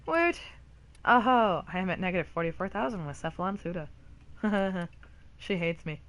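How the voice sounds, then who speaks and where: Chatty woman with a lowish voice. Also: brisk. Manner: chatty and rambling, with bursts of excitement. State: recovering from a cough, a bit rough-voiced. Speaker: gameplay video host. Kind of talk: casual gameplay commentary.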